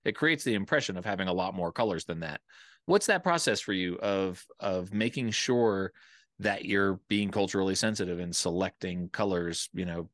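A man with an American accent and a low voice asks questions in a relaxed interview format. He rambles and thinks aloud. The recording is dry, with little room sound. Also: normal speed, dry recording. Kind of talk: casual conversational interview.

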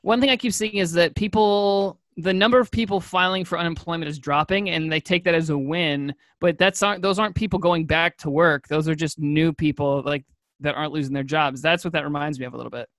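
A man co-hosting a podcast, chatting casually, halting and restarting his thoughts. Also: a little high, fairly even intonation, a bit bright, dry recording. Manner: halting, restarts often, quick asides. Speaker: podcast co-host.

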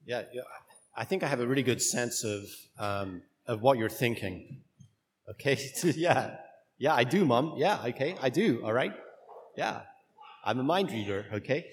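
A man speaks as a priest addressing a church congregation. His voice sits at a middling pitch, and he delivers Gospel reading and homily as a preacher in front of his people. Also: a little hiss or hum. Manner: jokey, rambling, conversational asides to the congregation.

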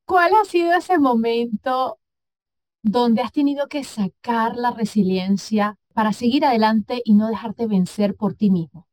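A woman with a fairly high voice asks questions as an interviewer. She sounds upbeat and full of compliments. Her voice comes through close and dry. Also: measured pace, darkish tone, no echo.

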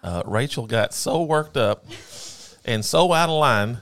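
A man's voice: mid-range voice, animated, unhurried, noisy background. A man in his forties co-hosting a podcast, joking in a wry, mock-defensive way into a podcast microphone. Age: 40s. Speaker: podcast co-host. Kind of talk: casual banter.

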